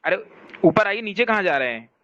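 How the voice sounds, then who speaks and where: A man's voice: high voice, sing-song, a little fast, a bit bright, highs cut off. A man teaching a lesson on Vedic sciences, reading from a text and explaining it, often asking and answering his own questions. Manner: speaks to someone scrolling a shared document. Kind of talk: explanatory classroom lecture.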